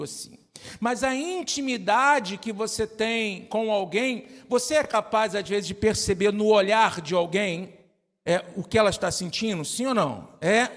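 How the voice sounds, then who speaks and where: A middle-aged man preaches a sermon from the pulpit, his voice pitched high for a man. He drives his points home with repeated questions thrown out to the congregation. The sound carries the long reverb of a church hall. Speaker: pastor.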